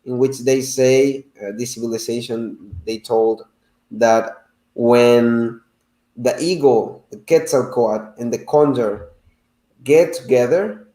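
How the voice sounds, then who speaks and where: A man from El Salvador, chatting as a guest and often pausing to search for words. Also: mid-range voice, dark tone. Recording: roomy echo.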